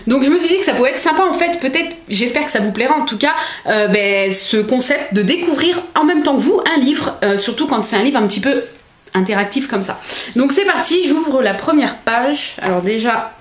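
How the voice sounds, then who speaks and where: A young woman chatting as a book vlogger, excitable and full of fillers. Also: sits high, a little fast. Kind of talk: casual unboxing chat. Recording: echoey room.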